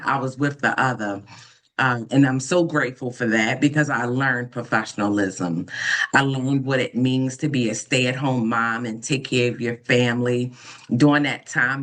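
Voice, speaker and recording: A woman in her fifties from Baltimore, an ordained minister, telling her life story in an interview in an earnest, unhurried way with frequent pauses and soft fillers. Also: rumbling low. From Baltimore, United States. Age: 50s. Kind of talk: reflective personal storytelling in an interview.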